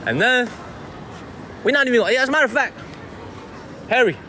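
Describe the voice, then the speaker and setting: A man's voice: extremely high pitch, lively intonation, brisk, bright, forceful tone, some chatter behind. A man hosting a live vlog outdoors, chatting on in a rambling way and repeating his phrases for emphasis. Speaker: live stream host. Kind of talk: live vlog street chat. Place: outdoors on a busy city street. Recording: noisy outdoor city street with traffic.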